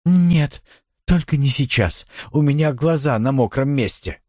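A man's voice: mid-range voice, animated, measured pace, warm tone, dry recording, studio quality, voice pushed up. A man voicing an overwhelmed young woman who speaks breathlessly and tremulously through tears. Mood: tearful.

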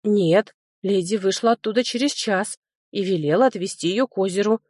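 A woman voicing an old male servant who speaks in a flat, lifeless way, as if in a trance. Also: medium pitch, moderate pace, husky, dry recording, studio quality, close to an everyday voice.

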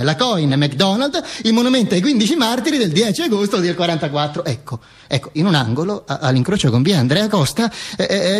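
A male actor gives a theatrical radio monologue as a dead dictator's corpse, a bombastic, sardonic and macabre storyteller who declaims with halting stammers. His voice is high-pitched, husky and heavily acted, carrying a scornful tone.

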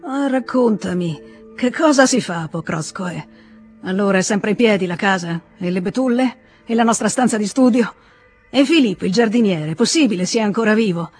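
A reader voicing a drunk, frightened, volatile grown man in an Italian audiobook reading, with excited pleading outbursts. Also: medium pitch, normal speed, breathy edge, soft background music, voice pushed up. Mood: wistful.

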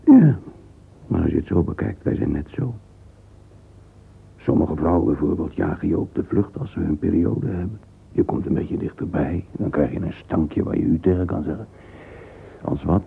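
This is a full character voice: a pensive, sensual middle-aged man delivering a radio drama interior monologue, musing alone with his thoughts. He is curious, and his very low, creaky voice murmurs haltingly as he thinks aloud. The old recording sounds muffled and phone-like, with faint hiss.

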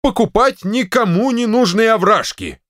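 A man's voice: sits low, wildly swooping pitch, unhurried, full character voice. A man reading a story, voicing a grumbling, hot-tempered retired general who blusters and exclaims. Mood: blustering.

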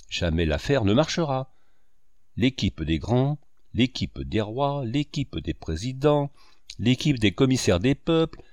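A man reading an audiobook, voicing a boisterous, sarcastic old man who declaims and breaks into booming laughter. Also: a little mellow, dry recording, studio quality. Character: boisterous sarcastic old male painter, mocking.

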